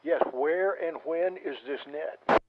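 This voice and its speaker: Man on a hissy, tinny ham radio. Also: on the high side. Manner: polite, halting with repeated restarts. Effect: noisy, narrow ham radio transmission. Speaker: amateur radio operator. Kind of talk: ham radio check-in chatter.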